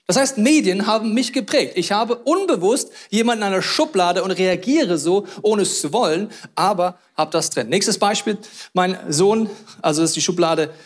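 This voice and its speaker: High-voiced animated male preacher. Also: normal speed. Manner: animated storytelling with sudden loud outbursts and hushed asides. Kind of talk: sermon.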